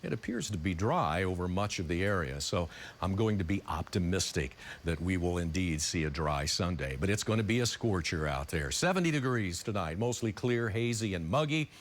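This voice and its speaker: A man's voice: low voice, very animated, moderate pace. A man presenting news and weather in a conversational broadcast style.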